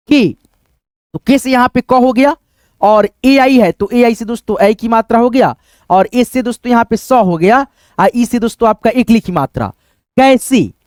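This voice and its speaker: A man's voice: very high voice, a little mellow, no echo, studio quality. Man spelling words letter by letter. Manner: repeats "dosto" constantly, spells out words letter by letter. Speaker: English teacher. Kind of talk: spelling lesson to camera.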